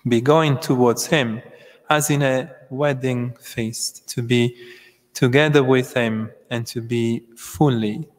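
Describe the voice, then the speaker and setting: Slow priest preaching at a pulpit microphone. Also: male voice, mid-range voice. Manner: slow, measured preaching with long pauses. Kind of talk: homily at Mass. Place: large church. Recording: long church reverb.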